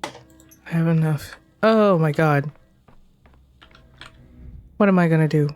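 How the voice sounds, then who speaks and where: Slow-talking anxious woman streamer. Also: deep voice, darkish tone, soft background music. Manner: anxious, repeats questions to herself. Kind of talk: live gameplay commentary.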